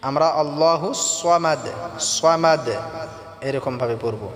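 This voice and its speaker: High-voiced man chanting slow Quran recitation. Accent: Bangladeshi Bengali. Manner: slow melodic chanting alternating with quick plain explanation. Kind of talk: recitation lesson, chanting verses then explaining pronunciation. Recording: echoey reverberant room with faint background music.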